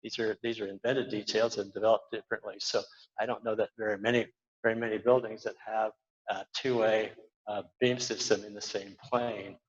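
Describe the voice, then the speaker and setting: A man's voice: fairly low pitch, little pitch movement, brisk. An older man giving an informal slide lecture as an architect, rambling with many fillers and restarts. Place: lecture hall at an awards event. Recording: dull lo-fi lecture recording.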